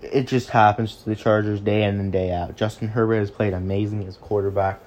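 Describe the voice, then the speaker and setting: A man's voice: fairly low pitch, fairly even intonation, brisk, darkish tone, a little hiss or hum. A young man hosting a casual sports podcast, recapping games off the cuff, with frequent restarts and stumbles. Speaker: podcast host.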